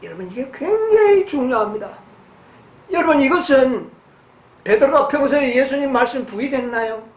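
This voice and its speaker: A woman preaching a sermon. She reads passages slowly and then explains them, asking her listeners questions and answering them herself. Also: sits high, lively intonation, echoey room. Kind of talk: sermon with Bible reading.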